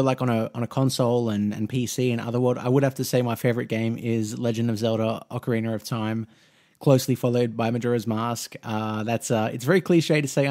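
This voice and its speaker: A mobile gaming YouTuber in his twenties, speaking with an Australian accent in a mid-range, darkish-toned voice, rambles through a Q&A vlog for his channel. He's easygoing and chatty, with frequent restarts and fillers.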